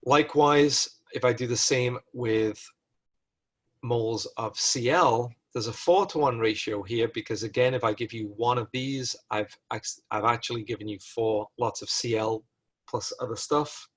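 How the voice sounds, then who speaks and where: A man lecturing through chemistry exercises in a recorded lesson, at a middle pitch. He reasons aloud and stops to correct himself partway through sentences. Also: fairly even intonation, measured pace.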